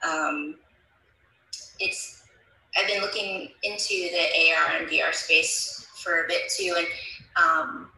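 A woman's voice: low voice, fairly even intonation, slow, gravelly, long pauses, sharp tone, echoey room, slight background noise, poor audio. A woman joining an online audio discussion over a bad connection that breaks up, speaking hesitantly with many fillers and restarts. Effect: bad connection, breaking-up call audio. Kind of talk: casual discussion. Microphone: remote call.

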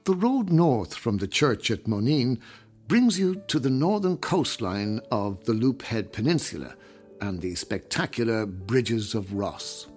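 A man's voice: mid-range voice, sing-song, unhurried, a little mellow. Man narrating a scripted audio guide over music.

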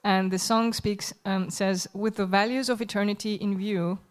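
A woman's voice: mid-range voice, fairly even intonation, normal speed. Woman interpreting a sermon live. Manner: hesitant, searching for words with fillers and self-corrections. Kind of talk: live consecutive translation voice-over of a sermon. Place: church.

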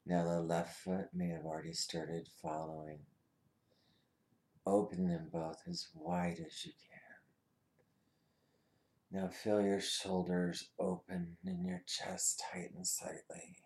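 A man with a very low, deep voice guides a meditation, speaking unhurriedly. His instructions are soothing and soft, and he often sinks to a whisper. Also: flat delivery, slow.

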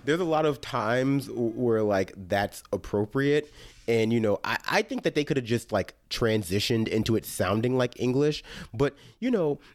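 A young man hosting a casual podcast chat, talking loosely with lots of fillers and bursting into animated, laughing asides. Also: medium pitch, moderate pace, dry recording, studio quality. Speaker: podcast host.

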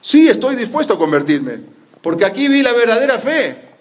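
A man's voice: very high-pitched, sing-song, moderate pace, voice pushed up. A man voicing a grandiose, theatrical male false messiah who speaks in proclamations, in a muffled recording. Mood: declaring. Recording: muffled lo-fi audio.

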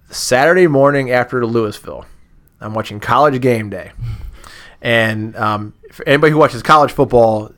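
A man, a former booster club president, chatting on a podcast and telling lively anecdotes. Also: medium pitch. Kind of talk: casual podcast storytelling.

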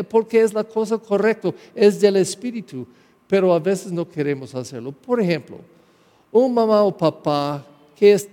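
Priest guy giving a sunday homily, kinda high voice, slow and halting, lots of echo from the church. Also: dark tone. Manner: slow, halting delivery with restarts and fillers. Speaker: pastor.

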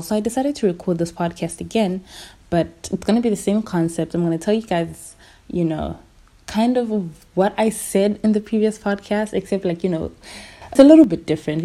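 A young woman talks in a soft-edged, very mellow voice that sits a little low. She hosts a podcast solo, chatting candidly and casually, as if in conversation with her listeners. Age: young adult. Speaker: podcast host. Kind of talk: casual chat, personal monologue.

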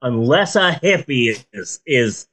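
A woman chatting casually as a comedic podcast host in a stoned, rambling drawl, swearing freely and joking deadpan. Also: extremely low pitch, slow pace, husky.

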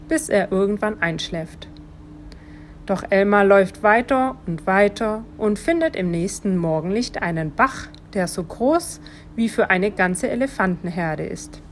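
A woman volunteer reading a children's story aloud, calm and gentle. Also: medium pitch, a little hiss or hum.

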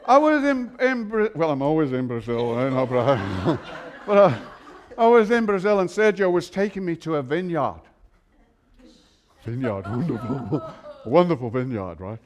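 This guest pastor's voice is on the high side, sing-song and measured in pace as he preaches in an exuberant, erratic charismatic manner. He interjects nonsense exclamations, chuckles, jokes in asides, and swings from quiet speech to shouting.

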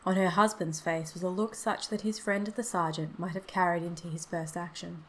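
A woman narrating a classic story in a steady, expressive reading. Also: lowish voice, moderate pace, slight background noise, low-quality recording. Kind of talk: scripted narration.

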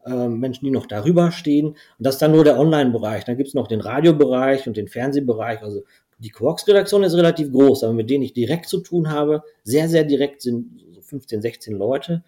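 A Belgian man whose native tongue is Dutch chats casually as a podcast guest, rambling with plenty of fillers. His medium-pitched voice is mellow and expressive, and he talks a little fast.

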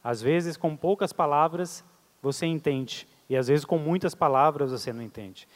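Brief: fairly high-voiced pastor calling questions out to the congregation, long hall reverb. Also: male voice, normal speed. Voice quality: calls out to the congregation. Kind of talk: sermon.

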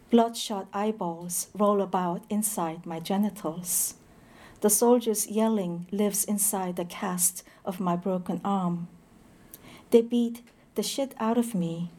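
Mellow-voiced woman reading poetry aloud. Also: medium pitch. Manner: slow, measured reading with short introductions full of hesitant "um"s. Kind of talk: poetry reading with brief spoken introductions.

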